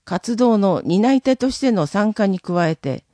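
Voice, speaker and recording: Slow, formal council speaker reading aloud. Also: mid-range voice, expressive, warm tone, no room sound, clean studio sound. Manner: formal, measured reading of a prepared text. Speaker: city council member. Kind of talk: formal prepared statement in a council session.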